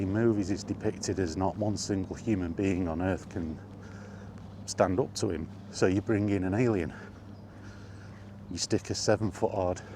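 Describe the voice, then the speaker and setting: A man with a deep, mellow voice hosts a vlog, delivering a casual, conversational monologue about films. He often throws in rhetorical questions and asides, and background ambient noise is clearly audible.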